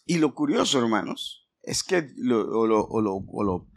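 Man as a pastor, gravelly edge, sermon with lots of questions to the pews. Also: medium pitch, very animated, unhurried. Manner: conversational, quizzes the congregation by name; acts out scolding dialogues with shifting voices.

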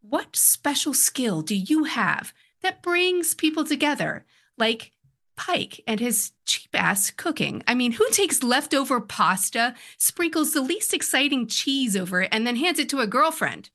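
Female podcast moderator, conversational, with a crisp bright tone and slightly high pitch. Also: big pitch swings, a little slow. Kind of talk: chatty podcast hosting.

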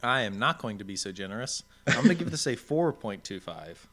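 A man's voice: lowish voice, big pitch swings, brisk, sharp tone. A man co-hosting a podcast in casual chat, informal and thinking aloud as he goes. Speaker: podcast co-host.

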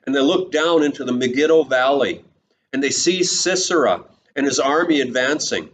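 A pastor preaching a sermon and retelling the story, breaking into quick voiced lines for its people. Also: male voice, medium pitch. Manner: retells the story and quotes its people in lively snatches of voice. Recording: slightly dull recording with faint hiss.

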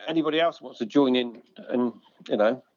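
A middle-aged man calling in, chatting casually in a halting, matey way. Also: mid-range voice, a crowd in the background. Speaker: caller, forest school leader. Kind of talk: casual phone-in chat. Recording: dull, lo-fi call audio.

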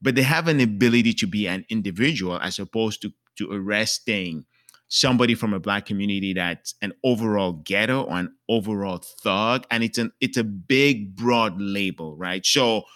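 Man from Cameroon, low voice, earnest questioning, dry close sound. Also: normal speed, fairly bright tone, dry recording. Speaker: panelist. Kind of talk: casual discussion.

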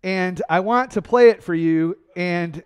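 A man preaching a sermon, energetic and conversational, asking his congregation questions and answering them himself. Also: high-pitched, measured pace, smooth. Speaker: pastor.

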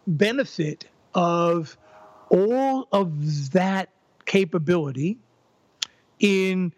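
A high-voiced older man, a psychologist and former professor, appears as a guest in a conversational podcast interview. He's thoughtful and halting, restarting and repeating words as he builds a point. The recording has no echo.

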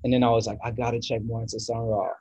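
A man's voice: mid-range voice, little pitch movement, quick pace, warm tone, husky, dry recording, poor audio. A man from the US East Coast, a guest musician in a casual podcast chat, rambling and searching for words with many restarts.

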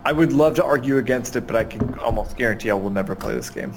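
A man's voice: mid-range voice, quick pace, noisy background. Man making dry asides. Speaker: podcast co-host. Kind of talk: casual chat.

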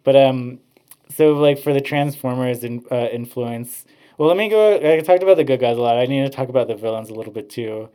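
A man's voice: medium pitch, fairly quick, warm tone. A man, a podcast host, rambling through casual chat, with many "like" fillers. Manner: rambling, heavy use of "like" fillers.

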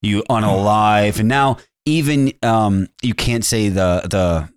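A man's voice: fairly low pitch, takes it slowly, clean tone, no room sound, clean studio sound. A man co-hosting a podcast, talking casually in a conversational way. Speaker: podcast co-host. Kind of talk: casual chat.

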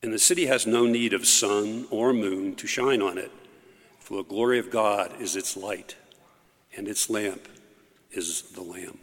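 A lower-voiced man reads scripture aloud at Mass in a measured, formal cadence. His words ring out in a long cathedral echo that fills a large church. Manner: measured, formal reading pace. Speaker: lector.

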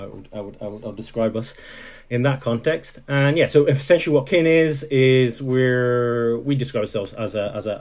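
This Italian software engineer is being interviewed as a guest, and his fairly low voice carries vocal fry and a darkish tone. His manner is reflective, with frequent fillers and sentences that keep starting over.

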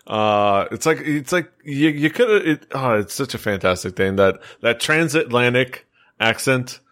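A man's voice: medium pitch, expressive, a little slow, fairly bright tone. A man hosting a casual podcast chat, rambling and chuckling as he talks. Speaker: podcast host.

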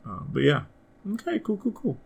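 Podcast host, man, lively gravelly delivery with a raised pitch, swears freely. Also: moderate pace. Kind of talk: casual gaming podcast chat.

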